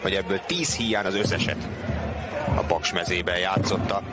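A man's voice: deep voice, fairly even intonation. A man commentating on a football match. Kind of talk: sports commentary. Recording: loud music and crowd behind voice.

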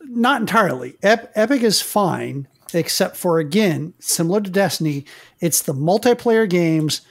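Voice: mid-range voice, lively intonation, moderate pace, vocal fry. Podcast cohost jumping in to explain the techy stuff, medium voice. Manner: corrects others, explains technical detail. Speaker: podcast co-host. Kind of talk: casual tech chat.

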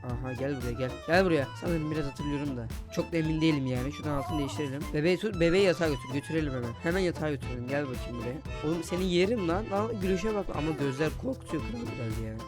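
A man's voice: fairly high pitch, racing, hardly any pauses. Chatty young man, game commentary. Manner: jokey, swears casually, talks to the baby and viewers. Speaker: gaming YouTuber. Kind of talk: horror game let's play commentary. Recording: music playing underneath.

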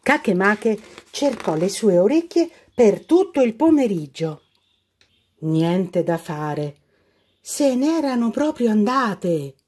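A woman reading a children's fairy tale aloud as a storyteller, expressive and unhurried. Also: mid-range voice, breathy edge.

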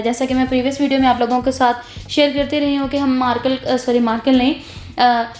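This beauty tutorial is voiced by a Pakistani woman, a beautician demonstrating eyebrow threading, whose high voice has a darkish tone and a reverberant sound. She explains instructively, sprinkling in English words and frequently saying "jo hai."

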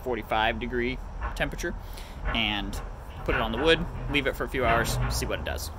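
A man's voice: mid-range voice, animated, fairly quick, heavy background noise. A young man chatting casually through a farm DIY vlog, joking and explaining as he works. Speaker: farm vlogger. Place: outdoor farm yard and workshop.

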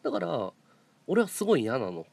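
A man's voice: mid-range voice, wildly swooping pitch, a little fast, creaky, a little mellow, dry recording. Blunt, outspoken male streamer. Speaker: live streamer. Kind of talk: casual monologue to stream viewers.

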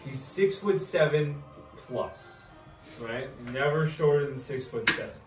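A man's voice: on the high side, measured pace. Playful teasing man, roomy and distant. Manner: playful, teasing, mock-dramatic announcer bits. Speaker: podcast host. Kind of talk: goofy comedic podcast banter. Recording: roomy sound from off the mic, music behind.

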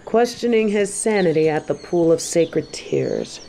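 Roleplay audio: composed female tiger martial arts master, acted by a woman, stern yet warm-hearted, dark mellow tone, slight background ambience. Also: fairly low pitch, expressive, vocal fry, slight background noise. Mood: calm, formal. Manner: measured, composed, speaking directly to the listener. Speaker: voice actor in a fan roleplay audio. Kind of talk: scripted roleplay addressed to the listener.

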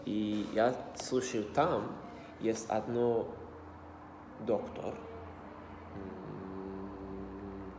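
For his self-study vlog, a thirtysomething American man, a native English speaker, reads phrases in a new language aloud, repeating words in a slow, halting way. He speaks at a fairly low pitch, captured by a laptop webcam at his desk in a small indoor room with background noise and a roomy echo carrying long reverb.

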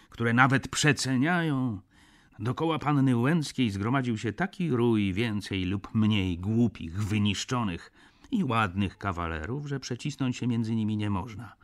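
A man's voice: on the low side, normal speed, a bit bright, close to an everyday voice. An actor reading a sardonic, cynical middle-aged male doctor in an audiobook, blunt and lecturing.

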